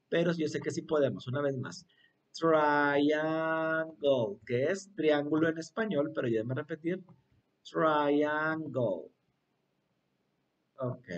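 A man's voice: fairly high pitch, darkish tone, breathy edge, far from the mic, highs cut off. A man teaching English to young children in an online class, cheerful and coaxing, asking them to repeat words after him.

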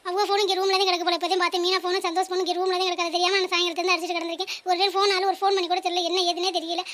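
A woman voicing a worried older mother in an animated cartoon, fretful and lamenting. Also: extremely high pitch, racing. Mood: anxious.

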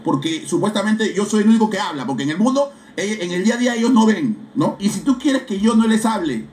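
A man with a Peruvian accent, a football fan streaming a casual live reaction, talking loudly in slangy, exclamatory bursts. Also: high voice, animated, fast talker, reverberant. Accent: Peruvian Spanish. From Peru. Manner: loud, exclamatory, slangy, bursts into shouting and chanting. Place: seated indoors at home setup.

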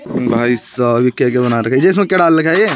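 A man's voice: medium pitch, expressive, quick pace. A young man chatting casually through a family vlog, teasing relatives and talking to his viewers. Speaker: vlogger.

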